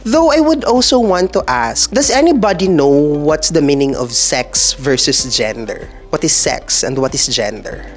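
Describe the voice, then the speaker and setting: A woman hosting a podcast, moderating a group discussion with a lively, welcoming manner. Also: low-pitched, moderate pace, few pauses, faint music behind. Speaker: podcast host.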